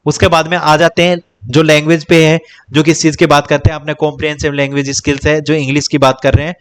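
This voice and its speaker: A young man coaching students for a teaching exam in an easygoing lecture. His voice sits a touch high for a man. He repeats himself, counts off topics one by one and calls his viewers "bhai". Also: level tone, fast talker. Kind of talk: casual Hindi-English exam coaching lecture.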